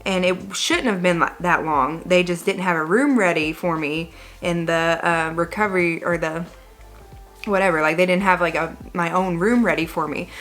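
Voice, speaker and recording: A woman's voice: fairly low pitch, normal speed, fairly bright tone, faint music behind. A woman telling a personal story to viewers in a casual, rambling way, often saying "like" and correcting herself. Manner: rambling, conversational, frequent "like" and self-corrections. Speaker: vlogger.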